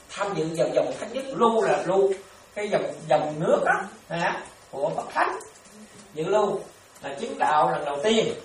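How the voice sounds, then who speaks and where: A man, a Buddhist monk, gives a patient dharma talk at an even middle pitch. He repeats key terms and keeps asking if his listeners are following. His voice comes from a distance in a very echoey room, over a faint hiss.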